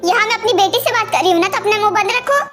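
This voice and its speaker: एक शौकिया fan डब में बहुत ऊँची, पतली आवाज़ वाली सख़्त, डाँटने वाली अधेड़ माँ, जिसे एक महिला बोलती है। वह तीखे, हुक्म भरे अंदाज़ में बात करती है। पीछे हल्का संगीत चलता है।. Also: female voice, extremely high pitch, rapid-fire, over music. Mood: stern. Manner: sharp, scolding, bossy. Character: strict scolding middle-aged mother. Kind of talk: amateur fan dub.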